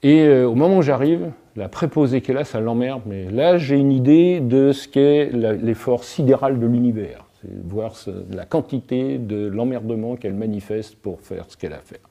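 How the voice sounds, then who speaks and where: A man's voice: mid-range voice, normal speed, few pauses, mellow, lo-fi sound. A man speaking as an interview guest, an alchemist and author, musing reflectively and using everyday anecdotes to make his points. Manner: reflective, illustrates points with everyday anecdotes, tags phrases with "hein". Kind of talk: reflective philosophical talk.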